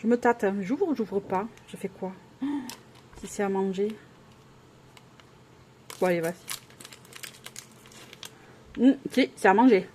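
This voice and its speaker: A woman's voice: mid-range voice, unhurried, pauses often, mellow, a little hiss or hum. A woman vlogger chatting casually while unboxing at home, gushing with exclamations and often hesitating.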